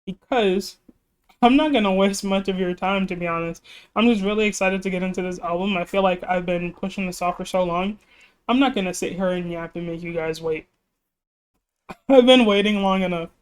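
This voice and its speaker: A music reaction YouTuber with a clear, resonant, mid-range voice chats casually at a normal speed, rambling, laughing often, and apologizing in a self-deprecating way. Their voice is slightly going as they talk in the reaction video.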